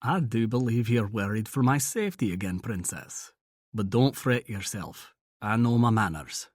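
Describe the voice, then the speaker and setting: A man voicing a centuries-old Scottish vampire warrior, low and wry. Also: animated, normal speed, darkish tone, no room sound, studio quality.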